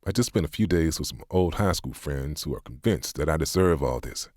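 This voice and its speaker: A man's voice: rumbling low, lively intonation, fairly quick, darkish tone, no room sound, studio quality. A man voicing a grieving, defiant middle-aged man who speaks with bitter, half-hearted sarcasm.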